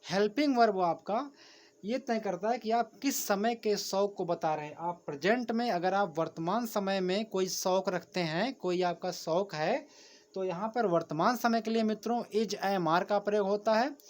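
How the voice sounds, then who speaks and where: A man's voice: high voice, moderate pace. A man teaching a grammar lesson, patiently repeating each point and often addressing his viewers as friends while writing on a board. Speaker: English teacher.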